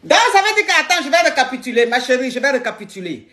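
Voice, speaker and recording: Animated high-voiced woman hosting call-ins. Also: fast talker. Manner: animated, repeats phrases, playful. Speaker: live-stream advice host. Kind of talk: live call-in chat.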